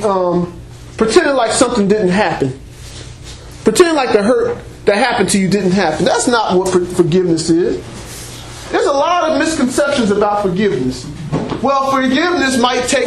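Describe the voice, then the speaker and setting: A very high-pitched man preaches and teaches the Bible to his congregation in a church meeting room, loud and emphatic, breaking in with call-and-response cries like "praise" and "amen." With no microphone, his voice is caught by a room mic, giving an echoey recording with a little hiss or hum.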